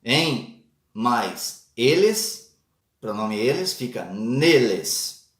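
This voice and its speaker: A man teaching a Portuguese lesson, speaking deliberately, repeating example words and adding short tag questions. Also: mid-range voice, big pitch swings, fairly bright tone, roomy sound. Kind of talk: slow spoken language lesson.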